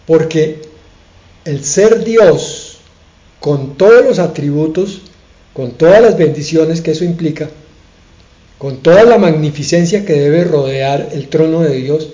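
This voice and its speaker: A man preaches an earnest sermon with slow, emphatic pauses. His voice sits a little high and sounds mellow. The recording is dull and rings with the echo of a room. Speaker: pastor.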